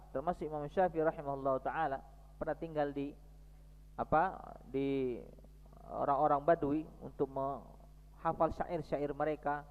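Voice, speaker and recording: Guy giving a mosque lecture, kinda high voice, long echo in the hall, muffled lo-fi sound. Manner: lively lecturing, reads Arabic text then explains it. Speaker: preacher.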